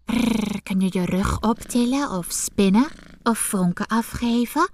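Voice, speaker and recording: A woman's voice: mid-range voice, measured pace, a little hiss or hum, lightly acted. Woman doing a proud purring cat. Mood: superior. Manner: purring, superior. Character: proud self-important house cat, male.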